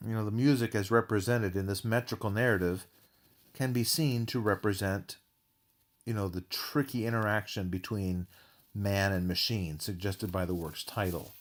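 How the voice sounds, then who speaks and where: A man delivering a recorded music theory lecture in a measured academic manner, reading his analysis with occasional fillers. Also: fairly low pitch.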